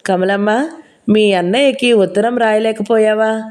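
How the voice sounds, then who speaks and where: A woman's voice: medium pitch, fairly even intonation, measured pace, a little mellow, natural voice. A woman voicing a nosy, chatty older village woman who pries and scolds, in an audiobook reading. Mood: gossipy. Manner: prying, scolding, gossipy.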